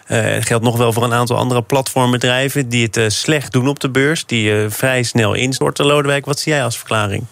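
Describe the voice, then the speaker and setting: A man's voice: medium pitch, fairly even intonation, a little fast, creaky, few pauses, fairly bright tone, dry recording. A man with a mid-range voice hosts a finance interview, putting probing questions to his guests. His voice is close and dry, recorded in a studio. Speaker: host.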